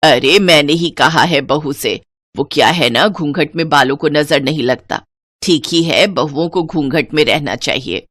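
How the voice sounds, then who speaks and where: A woman's voice: sits low, unhurried, fairly bright tone, no echo, voice pushed down. A woman voicing a strict, old-fashioned elderly mother-in-law who talks in a stern, scolding way. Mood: defensive.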